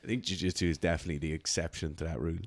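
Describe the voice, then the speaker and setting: Blunt, low-voiced Irish coach. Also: male voice, fairly even intonation, rapid-fire, no echo. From Ireland. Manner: blunt, swears, mocks in put-on voices. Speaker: strength coach and podcast co-host. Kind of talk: casual podcast chat.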